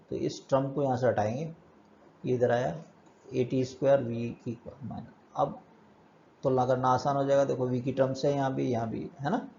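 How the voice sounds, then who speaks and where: A man's voice: medium pitch, creaky, warm tone, highs cut off, a little hiss or hum. A male physics teacher giving a step-by-step lecture, asking and answering his own questions as he works through problems. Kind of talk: classroom lecture.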